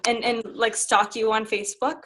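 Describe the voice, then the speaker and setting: Woman sex coach, candid interview guest, frank and lively. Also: a little high, moderate pace, slight background noise. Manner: frank and animated, laughs while telling stories.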